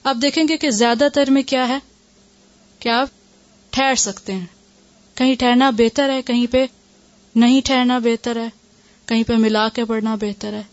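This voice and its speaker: A woman's voice: fairly high pitch, steady tone, long pauses, no room sound, dull audio. A woman teaching a lesson, explaining step by step and answering her own questions. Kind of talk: classroom lesson.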